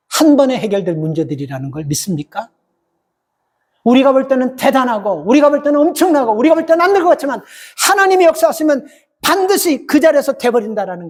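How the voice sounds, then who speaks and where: A man's voice: high-pitched, darkish tone, slightly rough. A middle-aged male pastor preaching a sermon in an emphatic way, repeating short phrases for stress.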